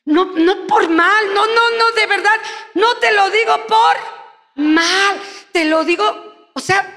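A woman's voice: very high-pitched, slow, sharp tone, pitched above the performer's own voice, heavily acted. A woman voicing a gossipy, self-righteous churchgoer who chatters in a confiding, smug way. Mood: smug gossip. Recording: echoey church hall.

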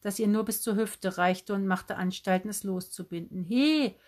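A woman narrating an audiobook in a steady, clear storytelling manner. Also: medium pitch, moderate pace. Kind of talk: scripted narration.

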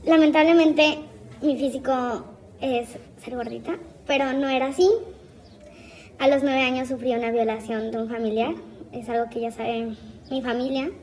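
High-voiced woman giving candid testimony. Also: fairly even intonation, moderate pace, a little mellow, rough recording. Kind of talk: personal testimony.

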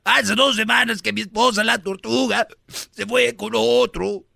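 Guy doing a goofy shouty clown telling jokes, gravelly high voice. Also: steady tone, unhurried, no echo, studio quality, full character voice. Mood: silly. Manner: catchphrase-heavy, shouty, giggly. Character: silly male joke-telling clown character.

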